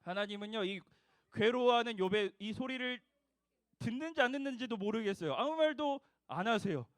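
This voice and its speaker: A man's voice: very high-pitched, lively intonation, moderate pace, no echo, studio quality. A young man preaching a sermon to children, asking them questions and having them repeat after him. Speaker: junior preacher for a children's service.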